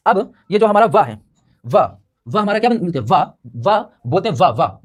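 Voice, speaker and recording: Quick, high-voiced man drilling a lesson. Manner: quizzes the listener then answers himself, drilling terms by repetition. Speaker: Hindi teacher. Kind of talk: classroom lesson explaining with repeated questions.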